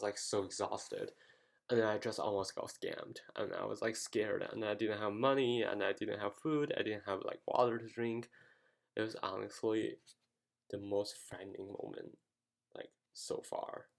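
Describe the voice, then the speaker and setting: A young man from the United States tells a story in a casual vlog and rambles, filling gaps with "like." His voice sits fairly low, with a creaky, gravelly texture. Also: steady tone, normal speed. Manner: rambling, heavy use of "like" fillers. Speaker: vlogger.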